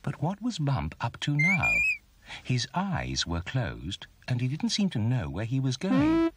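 A man narrating a children's storybook in an expressive, storytelling manner. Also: mid-range voice, unhurried, slight background noise.

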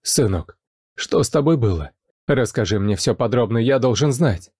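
A man playing a wealthy father, emotional and demanding, in a dark, dry voice. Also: mid-range voice, lively intonation, moderate pace, slightly rough, no room sound. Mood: anxious, tender.

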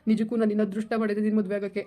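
A man's voice: high-pitched, monotone, racing, mellow. A man, talking with his wife in a casual family chat, earnest and lamenting. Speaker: husband in a family vlog. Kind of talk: casual heartfelt family talk.

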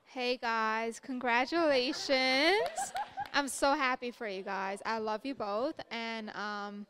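A woman's voice: fairly high pitch, expressive, slow pace, noisy background. A young woman giving a gushing, emotional wedding toast in a casual way.

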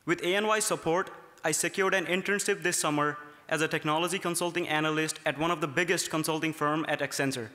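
A man's voice: a little high, steady tone, fast, hardly any pauses, pushed and bright. Earnest young man from Nepal at a podium. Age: young adult. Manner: earnest, reading from notes. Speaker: student speaker. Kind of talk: prepared speech at a gala. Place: large ornate hotel ballroom. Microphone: podium microphones. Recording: long reverb of a large hall.

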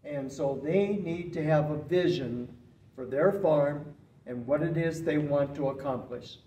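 An older man speaking as a guest expert in an interview, explaining in an earnest, emphatic and steady way, seated in a small indoor studio room. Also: fairly high pitch, unhurried. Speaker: retired farm management professor, guest expert. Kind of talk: interview answers. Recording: roomy, slightly distant, faint hiss.

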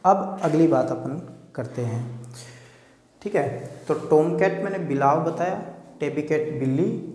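A man's voice: medium pitch, dark tone. A man teaching an exam-prep grammar lesson, explaining patiently and checking in with his students. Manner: explanatory, repeats points, checks with "ठीक है". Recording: echoey room with long reverb.

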